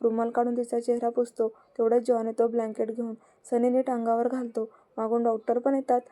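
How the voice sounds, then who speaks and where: Storyteller: woman, mellow dark tone, flat even delivery, steady plain telling. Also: a little high, a little fast. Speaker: story narrator. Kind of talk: storybook reading.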